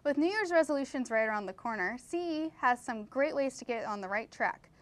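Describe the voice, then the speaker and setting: Fairly quick and lively in intonation, this woman's high voice leads a college's comedic mock newscast. She introduces the reports in a scripted, news-anchor style.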